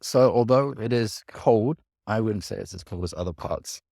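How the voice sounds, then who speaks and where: A man's voice: fairly low pitch, normal speed, vocal fry, dark tone, no echo, clean studio sound. A man giving a casual, rambling vlog to camera while walking outdoors, often hedging as he talks. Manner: rambling, hedging with sort of and kind of. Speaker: vlogger. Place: outdoors in a city park.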